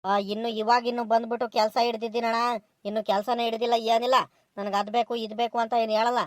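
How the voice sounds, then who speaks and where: A woman's voice: fairly high pitch, little pitch movement, fast talker, dry recording, clean studio sound, lightly acted. A woman voicing a tired male village laborer in a comedy cartoon, pleading and defensive in a rural southern Karnataka Kannada accent. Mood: resigned. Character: weary male coconut-husking laborer making excuses.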